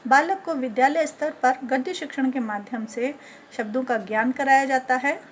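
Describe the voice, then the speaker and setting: A woman teacher educator giving a lecture on teaching methods, listing points one by one in a measured way. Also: high-pitched, slight background noise.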